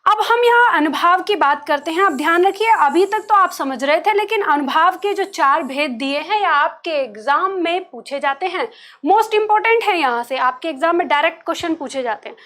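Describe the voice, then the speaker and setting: A woman's voice: very high voice, expressive, moderate pace, fairly bright tone. A woman teacher giving an exam-prep lecture, explaining with everyday examples and asking the class questions as she goes.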